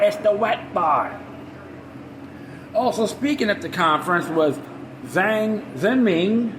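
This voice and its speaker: A high-pitched male podcast host reads news articles aloud, stumbling over words and adding sarcastic asides in a ranting commentary. The recording comes from an echoey room with background noise.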